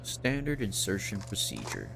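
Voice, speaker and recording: A man's voice: on the low side, wildly swooping pitch, moderate pace, creaky, heavy background noise. A man doing casual game commentary as a streamer, muttering wry asides to viewers.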